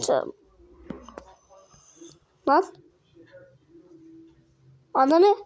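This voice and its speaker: Excitable high-voiced woman narrating gameplay. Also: drawn-out words. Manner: excitable, slangy, yelps and giggles. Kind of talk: playful gameplay commentary with character voices.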